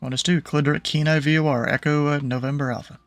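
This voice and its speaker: A man's voice: fairly high pitch, steady tone, fast, faint music behind. A man giving air traffic instructions as a controller, informal and hesitant, mixed with casual chat.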